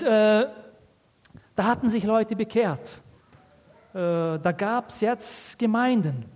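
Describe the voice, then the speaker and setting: A man preaching a sermon, asking rhetorical questions and checking in with his listeners. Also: high voice. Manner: asks rhetorical questions, often with a tag "nicht?". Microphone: fixed microphone he has to aim at. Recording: reverberant hall.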